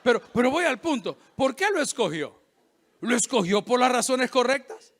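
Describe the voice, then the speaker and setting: A middle-aged pastor delivers a sermon in a very high voice at normal speed. He's joking and lively, acting out the voices of the people he quotes.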